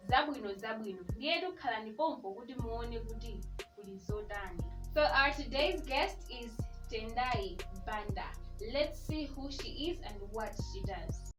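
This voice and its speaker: A woman host opens her show in an upbeat, welcoming way, her voice slightly high. She stands away from the mic in a roomy space, and loud music plays beneath her. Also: expressive, moderate pace, recorded from a distance. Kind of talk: show introduction to camera.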